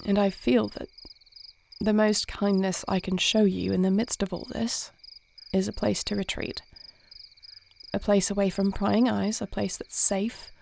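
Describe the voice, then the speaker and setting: A woman playing a composed, gentle warrior princess and dragon shifter in an intimate fantasy audio roleplay, speaking formally and with measured care. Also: medium pitch, little pitch movement, vocal fry, a little hiss or hum. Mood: tender, sincere.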